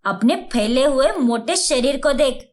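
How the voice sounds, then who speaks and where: A woman's voice: high voice, lively intonation, a little slow, darkish tone. A woman voicing a scornful older mother-in-law in a cartoon, who talks in a taunting, mocking way.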